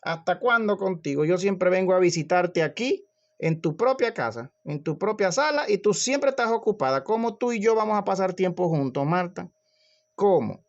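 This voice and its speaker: A man voicing a patient divine figure who gently reproaches his listener. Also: on the high side, lo-fi sound, voice pushed up, natural voice. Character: patient gently chiding male divine speaker.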